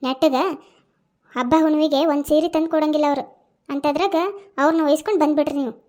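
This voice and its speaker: A woman's voice: sits high, steady tone, quick pace, darkish tone, natural voice. A woman voicing a quarrelsome young daughter-in-law in a cartoon, with a North Karnataka accent and a taunting, indignant way of talking. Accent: North Karnataka Kannada. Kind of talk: cartoon voice acting.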